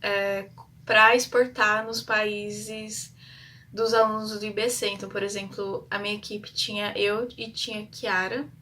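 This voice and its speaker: Speaking unhurriedly in a level, mid-range voice, a young adult Brazilian woman on an exchange-student vlog rambles through a story, peppering it with fillers and English terms. She admits she's shy, and the audio sounds a little distant, with soft background hum.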